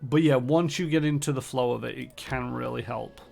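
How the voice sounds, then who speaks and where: Brief: gravelly man streaming a game, casual, thinking aloud, mid-pitched voice. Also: normal speed, darkish tone, faint music behind. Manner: rambling, thinking aloud with many fillers. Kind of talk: casual gameplay commentary.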